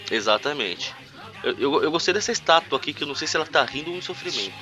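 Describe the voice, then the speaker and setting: A Brazilian man in a comic review podcast, talking fast with dry, sarcastic asides. His voice is mid-pitched, and music runs underneath. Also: animated, sharp tone, muffled recording. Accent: Brazilian Portuguese. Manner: wry, sarcastic commentary. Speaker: podcast co-host. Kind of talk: casual comic book review chat.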